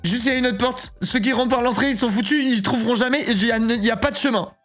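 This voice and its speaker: A man in his thirties chatting casually on a live stream, excitable and rambling, often breaking into giggles. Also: very high voice, fast talker, soft background music. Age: 30s.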